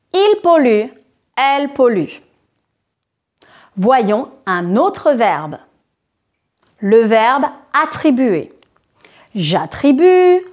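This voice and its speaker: A woman teacher with a fairly high voice that swings widely in pitch. She speaks very slowly and clearly. Her pronunciation is carefully exaggerated for learners. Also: a little mellow. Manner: carefully articulated, exaggerated stress on endings. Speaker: French teacher. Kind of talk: slow, deliberate conjugation drill.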